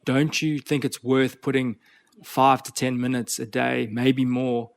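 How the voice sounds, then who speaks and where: A man's voice: mid-range voice, little pitch movement, a little slow, vocal fry. A man who works as a coach, guest on a podcast interview, talking in an earnest, motivational way and often repeating words as he thinks. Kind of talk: conversational interview.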